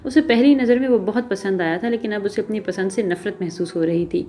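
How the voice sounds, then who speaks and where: A woman narrating an episodic novel in a steady storytelling manner. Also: mid-range voice.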